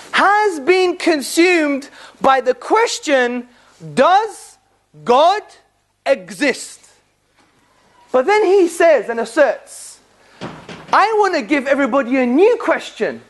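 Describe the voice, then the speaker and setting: A high-pitched public speaker gives a lively talk on faith and philosophy to a live audience in a room. They're rhetorical, firing repeated questions at listeners, with jokey asides and bursts of laughter.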